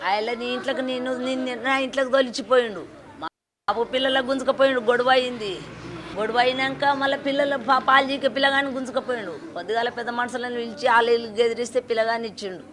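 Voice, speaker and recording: A woman's voice: fairly high pitch, steady tone, fast talker, a crowd in the background. Grieving older Telangana woman lamenting. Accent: Telangana Telugu. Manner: lamenting, repeats phrases, sobbing laughs. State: grief-stricken. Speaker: victim's mother. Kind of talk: grieving interview.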